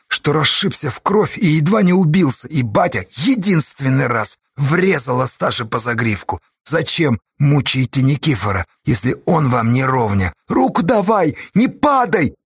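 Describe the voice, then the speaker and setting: A man narrates an audiobook with measured, dramatic delivery. His voice is husky and gravelly, sitting a touch high, recorded close and dry. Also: no room sound.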